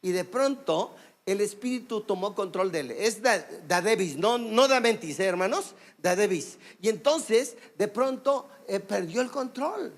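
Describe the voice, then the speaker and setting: A man with a Mexican accent preaching a sermon as pastor, emphatic, calling for amens and telling stories with many fillers. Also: high-pitched. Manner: emphatic preaching, calls for amen and applause; storytelling with many "este" fillers. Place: church service.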